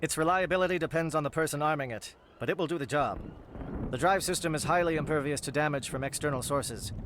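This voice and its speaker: An actor voicing a calm, grave alien captain in video game dialogue, precise and matter-of-fact. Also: male voice, on the high side, quick pace, background noise, lightly acted. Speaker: Salarian captain planning an assault.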